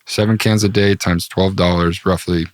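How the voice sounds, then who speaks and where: A man's voice: deep voice, fairly even intonation, normal speed, dry recording, clean studio sound. A man hosting a podcast in casual chat, laid-back, slangy and full of swearing. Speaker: podcast host.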